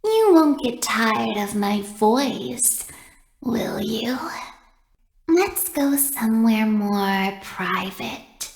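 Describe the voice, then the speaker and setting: A gleefully menacing robot bird from a video game. She is flirtatious and teasing, with lively swoops and a creaky edge, in a roomy space. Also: on the high side, a crowd in the background, full character voice. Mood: teasing menace. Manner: sing-song, teasing, slow menace. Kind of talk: video game villain lines.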